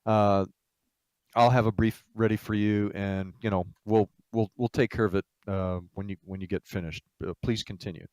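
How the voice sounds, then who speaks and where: A man's voice: fairly low pitch, fairly even intonation, normal speed, a little mellow, no echo, pitched below the performer's own voice, close to an everyday voice. A man voicing a flustered female government aide who hesitantly apologizes. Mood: apologetic. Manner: hesitant, overly polite.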